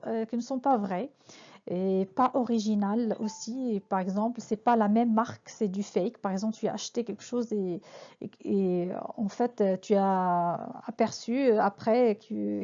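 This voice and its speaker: A woman from Morocco giving a French vocabulary lesson, explaining words slowly with frequent hesitations and fillers. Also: on the high side, mellow. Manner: hesitant, many fillers and restarts. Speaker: French teacher. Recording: dull lo-fi sound.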